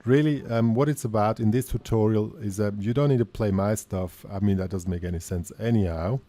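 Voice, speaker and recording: Low-voiced male guitar teacher, chatty. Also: brisk, no room sound. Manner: chatty, self-deprecating, with frequent ums and restarts. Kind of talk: casual guitar lesson. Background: loud guitar playing.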